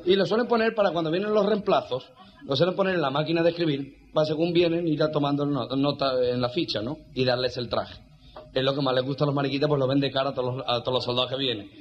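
Fast-talking joke-telling man. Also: mid-range voice. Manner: rapid, animated storytelling. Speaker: joke teller. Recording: dull lo-fi sound.

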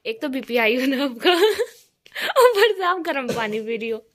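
A young woman vlogging casually at home with her family, chatty and quick to laugh as she talks to her viewers. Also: high-pitched, animated. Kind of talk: casual home vlog chat.

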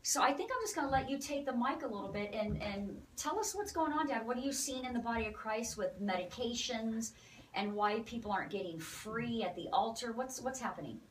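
Woman, ministry host, excited, preachy, higher voice, a bit off-mic. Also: brisk, far from the mic, a little hiss or hum, poor audio.

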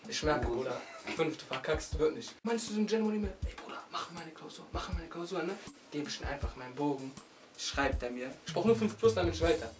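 A man's voice: a little high, fairly quick, distant mic, music in the background. Young man telling a slangy school story. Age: young adult. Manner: street-slang storyteller, animated. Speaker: storyteller among friends. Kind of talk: casual slangy anecdote.

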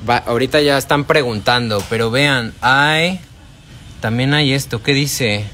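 A man's voice: medium pitch, measured pace, sharp tone. A Mexican man hosts a live shopping stream from inside a shop, speaking into a phone held at arm's length. He chats casually, greets viewers by name and answers their questions in an ordinary, mid-range voice. Faint shop noise sits behind him. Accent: Mexican Spanish. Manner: chatty, addresses viewers by name, answers chat. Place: indoors in a wholesale shop.

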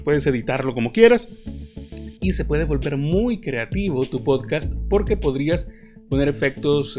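A man's voice: medium pitch, a little mellow. Man, podcast tutor, patient explainer, hesitant fillers, faint music behind. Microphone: studio podcast microphone.

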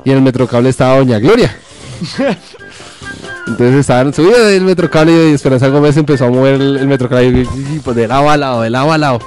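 A man's voice: medium pitch, fast, darkish tone, soft background music. A man from Colombia telling jokes in a chatty way at a live comedy show.

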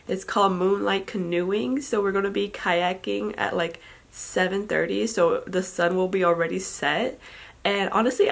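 A woman's voice: medium pitch, creaky. A young woman vlogging casually from her dorm room, chatty and self-deprecating, laughing often, filmed on a phone at arm's length. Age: young adult. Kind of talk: casual vlog chat. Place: small dorm room indoors. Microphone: phone camera at arm's length.

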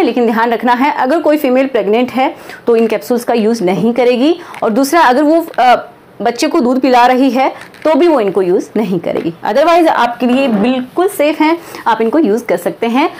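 A woman presenting a beauty product in a conversational explainer, often checking in with her listeners as she goes. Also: on the high side. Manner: chatty, keeps checking in with listeners. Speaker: product presenter and health adviser.

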